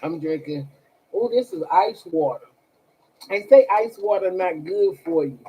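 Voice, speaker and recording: A woman's voice: lowish voice, expressive, a little slow, dark tone, slight background noise, rough recording. A woman chatting casually on a livestream as a tarot reader, blunt and profane, talking straight to her viewers. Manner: blunt and profane, talks to chat directly.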